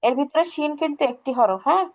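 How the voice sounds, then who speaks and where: High, gravelly female tajweed teacher. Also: expressive, quick pace, rough recording. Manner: patient, asks questions and answers them herself. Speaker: Quran recitation teacher. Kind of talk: online tajweed lesson.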